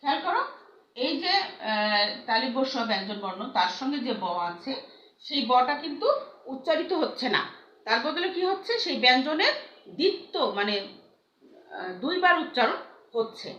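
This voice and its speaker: A woman teaching a grammar lesson, patient, repeating examples slowly with many fillers. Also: high-pitched, lively intonation, fairly bright tone. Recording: echoey room, dull lo-fi sound.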